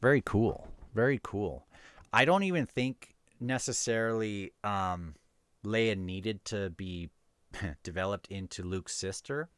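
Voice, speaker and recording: A man with a lowish, smooth, fairly bright voice takes his time as he casually discusses a book on his review show. He reads passages aloud in an informal, musing way, now and then stumbling over words.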